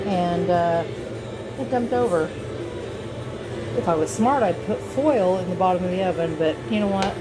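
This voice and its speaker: Tipsy and giggly, a woman narrates her home cooking vlog from her kitchen in a fairly low voice at a moderate pace, pausing often. She rambles, jokes at her own expense and swears casually. The recording is low quality, with background music from the TV.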